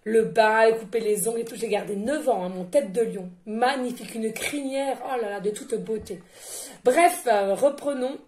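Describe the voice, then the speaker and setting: Chatty high-voiced woman medium, roomy echo. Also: moderate pace, a little mellow, slight background noise. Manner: chatty, rambling, laughing, addresses listeners as friends. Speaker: medium giving oracle card readings. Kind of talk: casual spiritual card reading.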